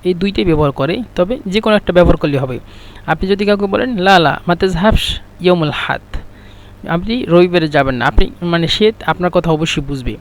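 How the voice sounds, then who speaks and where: Bengali man slowly drilling Arabic phrases. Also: high-pitched. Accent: Bangladeshi Bengali. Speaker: Arabic teacher. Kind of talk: explaining a language lesson.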